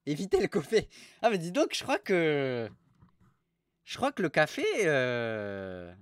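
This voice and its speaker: A young man streaming live, mocking restaurant reviews in a crude, animated way. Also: fairly high pitch, measured pace, clear, resonant tone, no room sound, clean studio sound.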